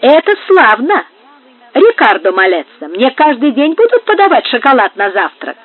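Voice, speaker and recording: A woman's voice: sits high, very animated, normal speed, slightly rough, dry recording, full character voice. A woman reading aloud and voicing a simple-minded young man, naive and gleefully pleased with himself. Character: simple-minded, delighted young man newly made a nobleman. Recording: tinny phone-like sound.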